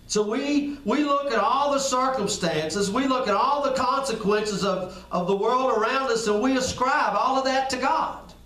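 A man's voice: very high voice, unhurried, few pauses, a bit bright. A man preaching a sermon in a folksy, conversational way. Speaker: pastor. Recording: echoey room, picked up from a distance.

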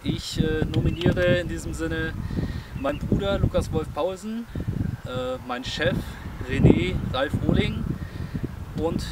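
A man's voice: high-pitched, lively intonation, unhurried. A young man speaking casually to a camera outdoors for a challenge video. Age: young adult. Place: open field path, outdoors. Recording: windy, noisy, distant outdoor camera sound.

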